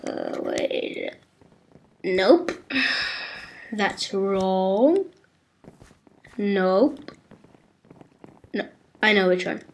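A woman giving casual gameplay commentary on a headset, excitable and exclaiming, with non-native phrasing. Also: medium pitch, drawn-out words, long pauses, a little hiss or hum. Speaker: gamer playing on a server.

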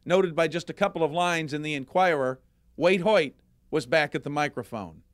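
Male documentary narrator, measured scripted read, dry booth sound. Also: a little high, dry recording. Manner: measured, even delivery.

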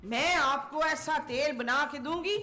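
A woman's voice: sits high, a little slow, bright, forceful tone. An actress with a Pakistani Urdu accent playing a scatterbrained young wife who muddles her words and takes everything literally. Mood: silly. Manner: dim-witted, bubbly, literal-minded. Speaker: sitcom wife.

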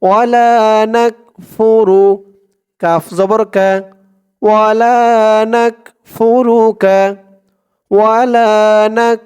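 A male teacher giving a recitation lesson, spelling out letters and vowel marks one by one and joining them into words in a slow, drawn-out chant. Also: smooth, soft background music. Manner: calm explanations, quieter and lower than the recitation.

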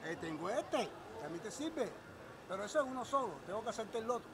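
A man's voice: high-pitched, sing-song, crowd noise. A man working as a street shoemaker, brusque and defensive as he argues outdoors. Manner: brusque, defensive, fast-talking. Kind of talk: heated street argument.

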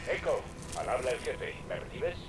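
A man's voice: mid-range voice, big pitch swings, normal speed. An actor playing a terse male military commander, heard over a helmet radio in a game, giving clipped orders. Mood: urgent. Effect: helmet radio transmission. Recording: distant radio voice under loud battle noise.

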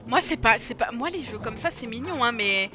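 A young woman chatting through a co-op video game session, excitable and self-mocking, often laughing and shouting at the game. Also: a little high, normal speed. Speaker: streamer playing a co-op video game. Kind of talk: casual let's-play chatter.

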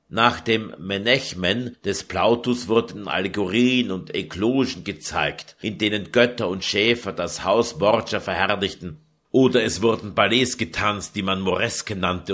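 A man reading a historical novel aloud in measured scripted narration. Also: lowish voice, a bit bright. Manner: measured storytelling. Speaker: audiobook narrator.

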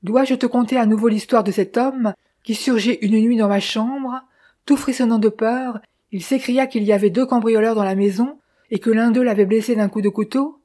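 A woman's voice: on the high side, fairly even intonation, normal speed, dark tone, natural voice. A woman voicing Austin, a stern man pressing his brother to confess, who talks in an insistent, questioning way.

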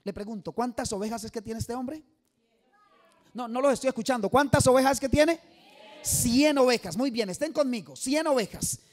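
A man preaching an evangelistic sermon to a congregation, emphatic and quizzing the listeners for answers. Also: very high voice. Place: church service before a live audience.

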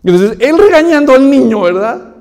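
A man's voice: very high voice, sing-song, brisk, a little mellow, in a large hall. A male pastor preaching a sermon, telling a story and asking rhetorical questions.

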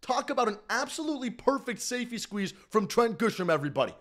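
Streaming a postgame recap from a small room at home, a sports fan in his twenties speaks into a desk mic right in front of his face. His very high voice swings wildly in pitch and moves fast, over heavy background noise. He stays hyped and repetitive, often shouting out to the whole chat.

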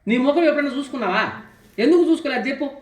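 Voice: high-pitched, lively intonation, very fast. A spiritual teacher giving a devotional discourse, often putting questions to the listeners and telling folk parables. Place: ashram hall. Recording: roomy hall echo.

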